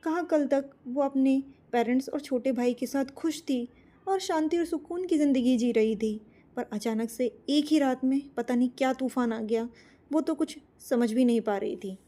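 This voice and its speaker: A woman's voice: sits high, normal speed, warm tone. A woman narrating an emotional story in an earnest, heartfelt manner.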